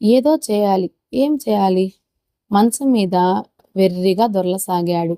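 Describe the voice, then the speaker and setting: A woman narrating an audio story in a steady, expressive reading style. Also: medium pitch, slow, no room sound, clean studio sound.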